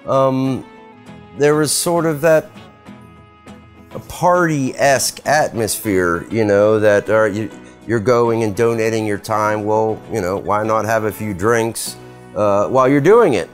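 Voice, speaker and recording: A man explaining the party atmosphere of the production in a measured, hesitant way. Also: on the low side, faint music behind. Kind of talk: documentary interview.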